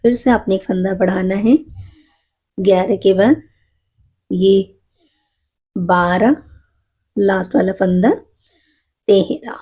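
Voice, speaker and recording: A woman's voice: medium pitch, slow pace, long pauses, dark tone, husky. A woman with a cold teaching a knitting tutorial, patiently counting stitches aloud and explaining each step. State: has a cold, voice a bit rough.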